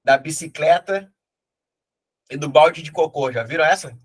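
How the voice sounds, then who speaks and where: A man's voice: on the high side, a little slow. A middle-aged man with a southern Brazilian accent, a teacher telling folksy motivational anecdotes and acting out the characters in them. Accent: southern Brazilian (gaúcho). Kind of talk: motivational storytelling.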